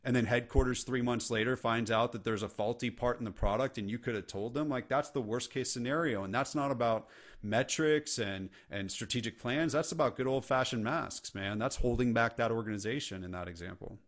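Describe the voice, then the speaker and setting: A man's voice: mid-range voice, brisk. A middle-aged man, a leadership coach, talking earnestly and casually as a podcast guest. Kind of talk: podcast interview conversation.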